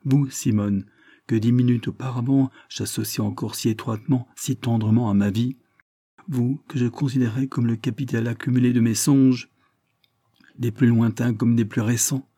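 A man's voice: fairly low pitch, steady tone, moderate pace, warm tone, husky, dry recording, studio quality. A man reading a heartbroken young engineer who pours out impassioned, bitter reproach.

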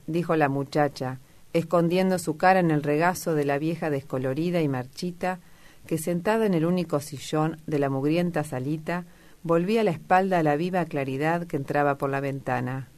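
A woman narrates a classic novel in a low voice, with measured, even storytelling. She reads steadily, line after line. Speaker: audiobook reader. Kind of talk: literary audiobook narration.

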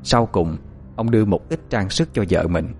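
Brief: expressive male narrator, animated delivery, fairly low pitch. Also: moderate pace, soft background music. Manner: expressive, dramatic storytelling. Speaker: audiobook narrator. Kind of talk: scripted story narration.

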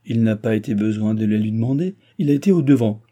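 An excitable, scheming nobleman, as a male narrator plays him, theatrical and insinuating, jumping up in pitch. The voice underneath stays dark and mellow, like a storybook reading. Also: fast talker.

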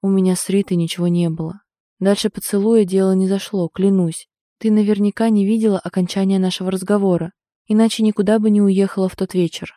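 A remorseful young man, as a woman reads him in an audiobook, soft and apologetic. The voice is mellow and warm. The sound is dry and close, with no room around it. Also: medium pitch, fairly even intonation, fast, no echo, lightly acted.

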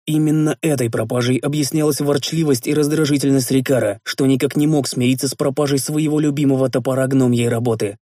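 A man narrating a first-person audiobook in an even, measured way. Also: mid-range voice, dry recording, studio quality.

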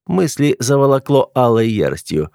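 A man's voice: mid-range voice, sing-song, normal speed, vocal fry, mellow, no echo, clean studio sound. Man narrating a dramatic audiobook. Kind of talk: first-person audiobook narration.

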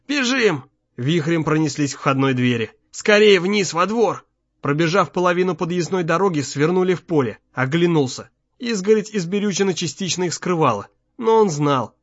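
A male audiobook narrator reading in a measured, tense manner with a slightly high voice. The recording is dry and a little muffled. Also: animated, no room sound. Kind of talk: scripted narration.

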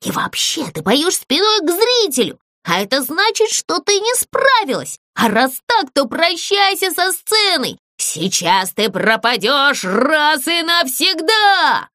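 Woman doing a pompous male theatre ghost, slow, drawn-out threats, lively high delivery, dry sound. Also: dry recording, exaggerated voice. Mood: menacing. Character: pompous male ghost, self-styled lord of a ruined theatre.

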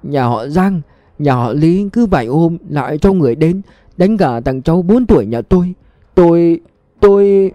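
A man's voice: a little high, lively intonation, fairly quick, dark tone, no echo, pitched above the performer's own voice, lightly acted. A man putting on a sobbing, pleading old woman. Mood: weeping, pleading. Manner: sobbing, begging. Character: elderly grieving woman, tearful, pleading.

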